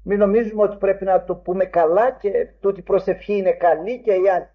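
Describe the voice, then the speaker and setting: A man's voice: high voice, fairly even intonation. A man preaching a sermon in old-fashioned, formal phrasing. He speaks with emphasis and his voice rises sharply when he quotes. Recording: dull lo-fi recording.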